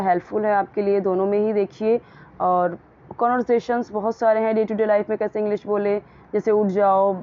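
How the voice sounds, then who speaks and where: A woman teaching English grammar and pronunciation in a casual, patient way, often repeating words slowly so they can be copied. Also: medium pitch, muffled recording.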